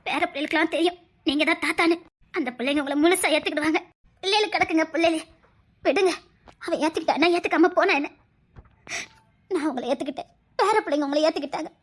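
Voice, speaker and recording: A woman playing a tearful, devoted wife, very high voice. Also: fast, long pauses. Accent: Tirunelveli Tamil. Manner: tearful, earnest, emotional. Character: long-suffering devoted wife, tearful and loyal. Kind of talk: family drama skit.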